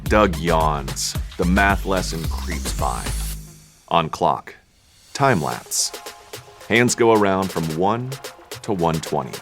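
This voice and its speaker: A man reading the stage directions in a table read, dry and unhurried. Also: low-pitched, expressive, fairly bright tone, faint music behind.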